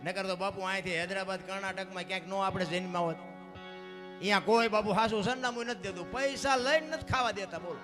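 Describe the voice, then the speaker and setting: A man telling folk tales and preaching to a live crowd in an animated way, with music behind. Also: sits high, brisk. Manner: animated, preaching, addresses listeners as bapu. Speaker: folk storyteller. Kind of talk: folk storytelling sermon at a live program.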